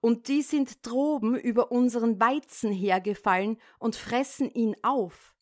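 A fretful peasant wife, read by a woman tells the news in a hurried, worried tone. The voice sits fairly high. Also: a little mellow, natural voice.

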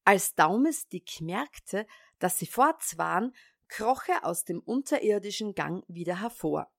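A woman reading a fairy tale aloud as storyteller, calm and measured. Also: medium pitch, gravelly, no room sound, studio quality.

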